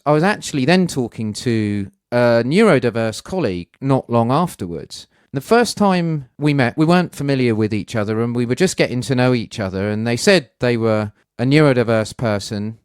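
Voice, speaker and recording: A man's voice: mid-range voice, animated, moderate pace, few pauses, smooth, dry recording, clean studio sound. Man musing reflectively in a podcast. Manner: thoughtful, conversational, with hedging asides. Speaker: podcast host. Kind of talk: reflective personal podcast monologue.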